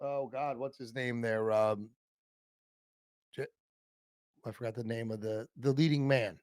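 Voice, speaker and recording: A man's voice: mid-range voice, fairly even intonation, a little slow, darkish tone, no echo. A man co-hosting a casual fan podcast about an old TV show, rambling and self-interrupting, laughing often. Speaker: podcast co-host.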